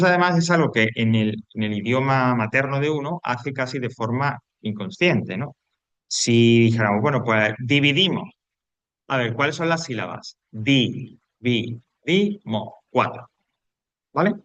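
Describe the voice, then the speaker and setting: The lo-fi, dry recording captures a man teaching grammar in a medium-pitched, slightly bright voice. He explains things patiently, restates his points and checks in with his students through frequent tag questions.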